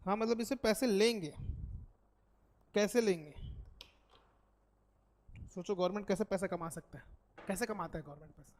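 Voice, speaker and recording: A man's voice: high-pitched, normal speed, pauses often, darkish tone, in a large hall. A male teacher giving a classroom lecture, repeating key figures and asking questions that he then answers himself. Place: coaching classroom.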